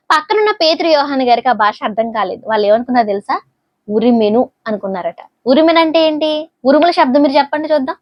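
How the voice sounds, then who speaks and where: A woman's voice: high voice, no echo. A woman preacher giving a conversational sermon, often putting questions to her listeners.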